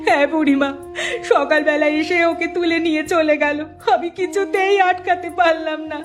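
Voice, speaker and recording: A woman's voice: very high voice, steady tone, fairly quick, music in the background. Woman voicing a tearful young village wife. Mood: distressed. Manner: tearful and pleading.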